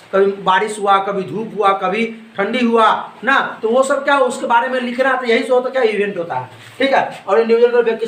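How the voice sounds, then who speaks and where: A man's voice: very high-pitched, fairly bright tone. A male teacher lecturing on a poem, asking questions and then answering them himself, repeating each point. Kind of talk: classroom lecture explaining a poem. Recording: echoey room.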